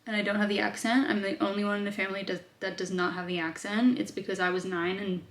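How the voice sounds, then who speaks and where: A chatty young Australian woman vlogs at home in a relaxed style, answering questions from her viewers. She speaks fast at a mid-range pitch and leans on fillers as she thinks aloud, and her voice carries a roomy echo.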